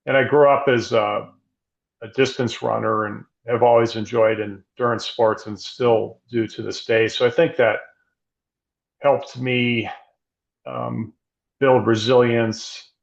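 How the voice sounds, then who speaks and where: A middle-aged man, a guest physician, speaking in a measured, thoughtful way with frequent restarts. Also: medium pitch, level tone, gravelly, muffled recording. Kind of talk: reflective interview conversation.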